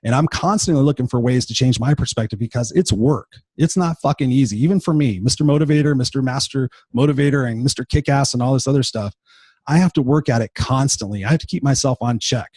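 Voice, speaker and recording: A man in his fifties delivers an unscripted motivational monologue, swearing freely and pressing his points hard. His voice is husky and sits at a middle pitch. He sounds worn out and unwell, and the recording is dry with no room sound. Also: fast, darkish tone, dry recording. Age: 50s. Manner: blunt, profane, emphatic. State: tired and unwell. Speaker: motivational podcast host.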